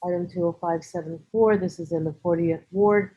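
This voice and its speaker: A woman chairing a city planning commission meeting over a video call, chatty and quick to laugh. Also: on the low side, steady tone, warm tone, a little hiss or hum. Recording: dull lo-fi video call audio.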